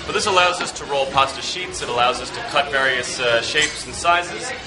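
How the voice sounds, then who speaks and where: A man in his thirties, a restaurant chef, giving a walkthrough interview with frequent uh pauses. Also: medium pitch, expressive, music in the background. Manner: hesitant, many filler uhs. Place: restaurant wine cellar and dining rooms, indoors. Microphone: camera mic, handheld camera close by. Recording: echoey room, noisy background hum.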